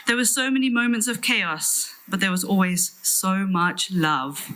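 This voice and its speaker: A middle-aged British woman reading a prepared farewell speech in a tender, solemn, measured way. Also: medium pitch, animated, sharp tone, poor audio. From London, England. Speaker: sister giving a farewell eulogy.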